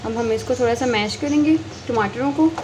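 High-voiced woman cooking over sizzling pan. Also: brisk, a little hiss or hum. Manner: chatty, talks straight to viewers. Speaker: home cooking vlogger. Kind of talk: casual cooking instructions. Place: home kitchen, indoors. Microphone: phone held in hand. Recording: loud frying sizzle behind. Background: frying and stirring sounds.

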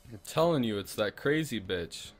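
A man's voice: fairly low pitch, expressive, normal speed. A young man in casual game voice chat, talking in an accusatory, needling, profane way. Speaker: online game player.

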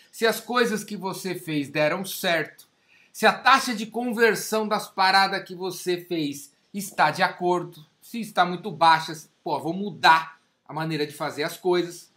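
A man in his forties, a sales coach giving an emphatic, slangy motivational talk straight to camera from a home office. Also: sits high. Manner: emphatic, punchy, repetitive, slangy and animated. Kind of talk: energetic motivational monologue to camera. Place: home office with bookshelves, indoors.

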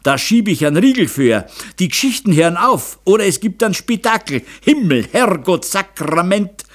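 A man voicing a blustering, hot-tempered Bavarian craftsman in his fifties, shouting in a raised, strained voice. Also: sits high, sing-song, moderate pace, voice pushed up. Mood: angry. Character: blustering middle-aged male master craftsman, hot-tempered. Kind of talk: audiobook character voice.

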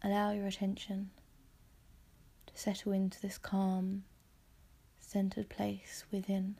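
In a gentle, calm manner, a woman conducts a guided visualisation meditation. Her voice sits at medium pitch and sounds soft, breathy and husky, with soothing, measured phrasing.

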